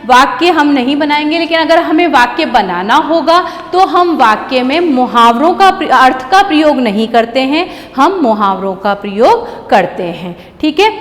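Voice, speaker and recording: A woman teacher explaining grammar to young schoolchildren, patiently repeating key words slowly. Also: sits high, a bit bright, big-room sound. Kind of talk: grammar lesson for children.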